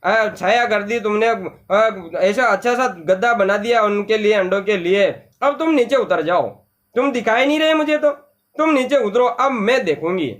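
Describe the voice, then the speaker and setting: A man's voice: high-pitched, lively intonation, moderate pace. A man voicing a little girl who begs her older brother in a whiny, pleading tone.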